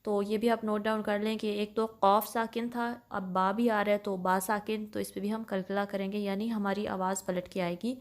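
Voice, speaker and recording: A woman teaches Quran recitation at a patient, step-by-step pace, mixing in English terms. Her pitch sits in the middle range. When she gives examples, she recites slowly and more loudly. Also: level tone. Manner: patient, explains each sound step by step, checks in often; slows and recites Arabic examples louder. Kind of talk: tajweed lesson mixing Urdu and English.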